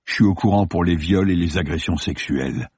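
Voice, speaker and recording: A man's voice: fairly low pitch, moderate pace, slightly rough, no room sound. A man voicing a stern male police commander who questions coldly and insistently, in an audiobook. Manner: cold, level, insistent. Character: grim, hard-pressing male police commander. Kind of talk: audiobook character voice.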